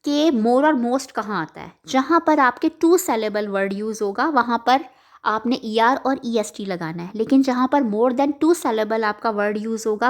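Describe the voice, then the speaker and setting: A woman teaching an exam-prep grammar lesson, explaining step by step, checking in often and correcting her own slips. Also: on the high side. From Pakistan.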